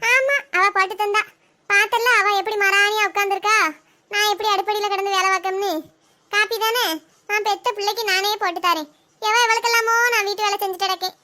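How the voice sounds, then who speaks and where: A weary mother-in-law, put on by a woman, drags out every word in a slow, sighing lilt. Her voice sits very high and bright, and she dwells on how much she suffers. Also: steady tone. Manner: slow, long-suffering, guilt-tripping. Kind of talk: family comedy skit.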